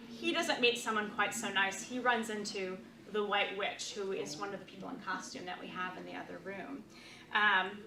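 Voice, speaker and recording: Bright-voiced woman teaching a church group. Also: mid-range voice. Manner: conversational, frequent "um", asks the group questions. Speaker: preacher and presenter. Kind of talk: teaching talk and reading aloud. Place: church meeting room. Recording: roomy, distant mic, faint noise.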